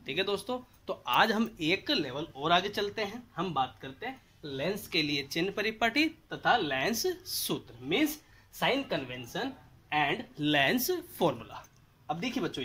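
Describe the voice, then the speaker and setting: A man in his thirties teaching physics at a whiteboard, animated, asking questions and answering them himself. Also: high voice. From India. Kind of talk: whiteboard lesson. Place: indoors at a whiteboard.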